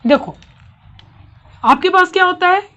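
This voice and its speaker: A woman's voice: very high-pitched, expressive, a little slow, bright, forceful tone. A woman teaching a grammar lesson to a class, asking questions and checking understanding often.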